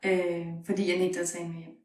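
Mom talking in an interview, hesitant, lots of ums, roomy echo, sounds a bit far from the mic. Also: female voice, fairly low pitch, flat delivery, a little mellow, a little hiss or hum. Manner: hesitant, with fillers. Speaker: interview guest, a mother. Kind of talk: casual interview talk.

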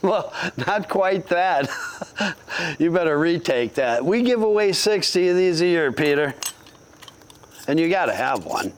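A man's voice: fairly high pitch, big pitch swings, unhurried, long pauses. A man hosting a casual podcast interview. He laughs easily and teases his guest. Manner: laughs easily, teasing and friendly. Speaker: podcast host.

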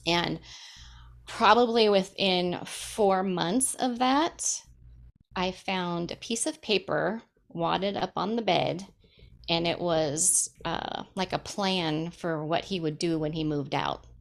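A woman's voice: on the low side, slow, creaky. A woman in her thirties sharing a personal testimony in casual chat, emotional, laughing often and filling with "like". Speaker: guest.

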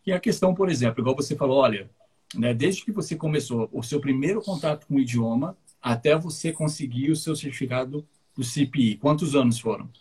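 A man with a very raspy, breathy voice hosts a casual interview. He asks questions and agrees with his guest at a middle pitch. His talk is relaxed and conversational. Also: fairly quick. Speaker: interview host.

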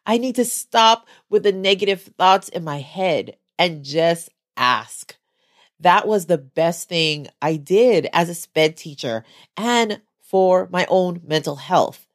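Still congested and lower-voiced from the flu she's recovering from, this teacher talks slowly with lively intonation on her solo podcast, offering listeners friendly encouragement about special education.

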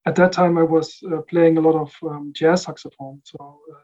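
A man's voice: fairly high pitch, level tone, normal speed, darkish tone, highs cut off. A man who grew up in the Netherlands, answering interview questions about his work in a casual, thoughtful way with frequent fillers and restarts. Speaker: recording engineer guest.

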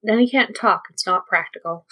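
A woman's voice: mid-range voice, moderate pace, pushed and bright, breathy edge, no echo, poor audio. A woman voicing a practical, matter-of-fact adventurer in a tabletop fantasy game.

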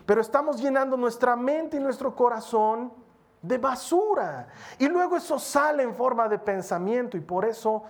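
An earnest preacher delivers a sermon in a mid-pitched voice. The delivery is exhorting, sometimes rushing ahead and sometimes slowing down to stress a point. Short prayers and bits of dialogue are acted out along the way. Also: expressive. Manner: earnest, exhorting, speeds up and slows down for emphasis.

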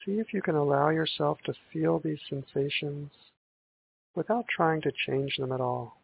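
A man guiding a breathing meditation in a calm, gentle, meditative tone, on a thin band-limited recording. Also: fairly high pitch, moderate pace, gravelly. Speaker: meditation guide. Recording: tinny band-limited audio with hiss.

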